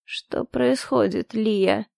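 Slow, menacing pirate man, read by a woman. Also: on the high side, vocal fry, a little mellow, no echo, clean studio sound, heavily acted. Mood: suspicious. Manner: slow, measured, threatening. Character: menacing male pirate leader, suspicious and stern.

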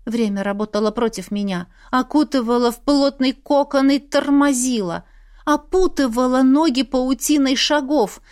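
A woman narrating a first-person audiobook in a brisk, tense storytelling manner. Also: fairly high pitch.

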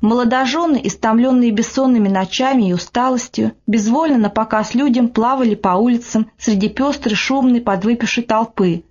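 A woman narrating classic prose in a measured, even reading. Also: a little high, dull audio. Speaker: audiobook narrator.

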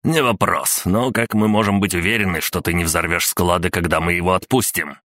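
A man's voice: low voice, steady tone, brisk, fairly bright tone, no echo, clean studio sound. A man voicing a scornful gang leader who mocks and bargains with menace. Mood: menacing bargaining.

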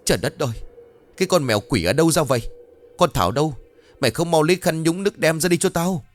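A man's voice: animated, fairly quick, no echo. A man voicing a cruel, abusive pregnant stepmother who scolds harshly. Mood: shrill panic. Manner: harsh scolding, shrill shouting.

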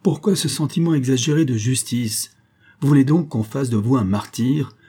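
Man doing a young stage actress, high and lively, teasing, husky undertone, audiobook reading. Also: normal speed. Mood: pleading. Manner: bright, teasing, pleading.

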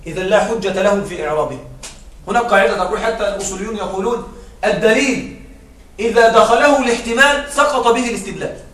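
A man teaching an Arabic grammar lesson who explains step by step, repeats his examples and keeps checking with quick rhetorical questions. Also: sits high, fairly bright tone, roomy sound, far from the mic.

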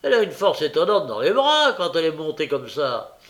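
A man's voice: a little high, sing-song, brisk, a bit bright, pitched above the performer's own voice. A man reading an audiobook, voicing a brutal male housebreaker who growls threats and scorn. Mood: scornful. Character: brutal grown male housebreaker, snarling and contemptuous. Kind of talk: audiobook character voice.

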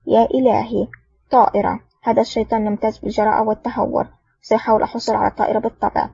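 A woman's voice: on the high side, flat delivery, very fast, creaky, mellow, breathy edge, no echo. A woman voicing an anxious, ambitious male Soviet officer who talks in an eager, flustered way. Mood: agitated. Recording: dull lo-fi audio.

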